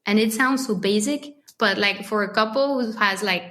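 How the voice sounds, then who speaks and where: A woman's voice: mid-range voice, normal speed, fairly bright tone. A woman in her thirties with a French accent, a podcast guest talking casually and thoughtfully, often restarting her phrases. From France. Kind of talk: casual interview talk.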